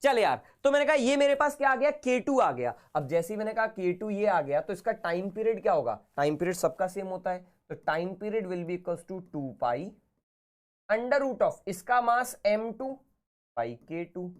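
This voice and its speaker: A man with a sore, hoarse throat teaching physics in a casual, chatty live online class. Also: high-pitched, animated, measured pace. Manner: casual, chatty, talks to students informally.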